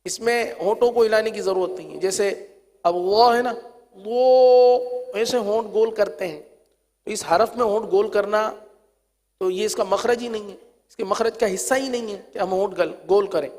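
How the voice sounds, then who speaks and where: A man teaching Quran reading in a recorded lesson, explaining quickly and then drawing out each letter sound slowly and loudly. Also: high-pitched, in a large hall.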